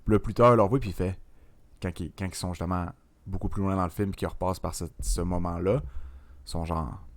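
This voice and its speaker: A young man with a Quebec French accent, co-hosting a casual film podcast, animated and full of fillers, dropping in English words. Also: low-pitched, brisk, no room sound. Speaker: podcast co-host.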